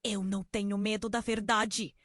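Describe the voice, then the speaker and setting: A woman voicing a desperate, defiant young woman, shouting urgent questions. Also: medium pitch, little pitch movement, normal speed, no echo, clean studio sound, natural voice. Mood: angry.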